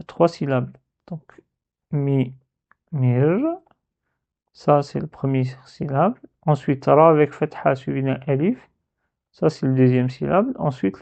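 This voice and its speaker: A man teaching Arabic letter reading in a slow, patient step-by-step lesson, drawing out each syllable. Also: fairly high pitch, creaky. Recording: tinny phone-like sound.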